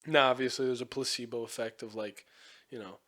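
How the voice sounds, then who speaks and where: A man's voice: medium pitch, steady tone, brisk, a bit bright. A young man hosting a casual podcast chat, rambling with lots of fillers and frequent swearing. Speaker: podcast host.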